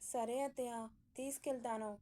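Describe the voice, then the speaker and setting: A woman's voice: a little high, fairly even intonation, normal speed, natural voice. A woman voicing a timid, anxious young bride who speaks meekly and hesitantly. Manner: meek, hesitant, soft-spoken.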